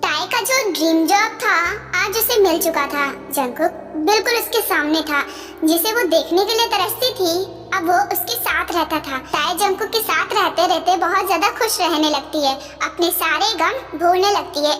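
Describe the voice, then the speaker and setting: A woman narrating a fan story in a plain, even way. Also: very high-pitched, moderate pace. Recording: soft music behind.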